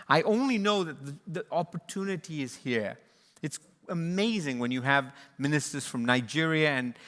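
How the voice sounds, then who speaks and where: In a reverberant hall, an earnest male moderator with a fairly high, sharp voice closes out a livestreamed panel. He leads a conservation charity, was born in Sri Lanka and grew up in East and West Africa, and speaks reflectively with frequent restarts and fillers.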